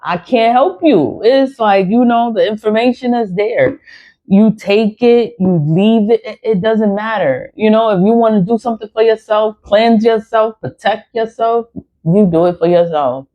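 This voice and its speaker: Medium-pitched and unhurried, a woman in her 40s who vlogs about spirituality addresses her viewers off the cuff. She rants bluntly, swears a lot and keeps repeating phrases for emphasis, and the recording is dull and lo-fi.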